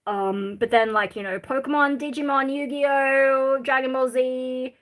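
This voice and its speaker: This is an Australian woman with a fairly high voice, talking casually to a live chat. She reads questions aloud and answers them bluntly, with irreverent, sweary frankness. Her talk rambles from one thought to another. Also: fairly even intonation, unhurried. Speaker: live streamer. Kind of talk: casual livestream chat, reading out viewer questions.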